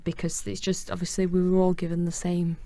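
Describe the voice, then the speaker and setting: A fairly low-voiced woman with a Yorkshire accent and a gravelly, fry-heavy tone. She co-hosts a podcast in casual chat and tells her stories animatedly, jumping up in pitch to act out what people said. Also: brisk, no room sound. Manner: animated storytelling, acts out quotes in a higher voice. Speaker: podcast co-host.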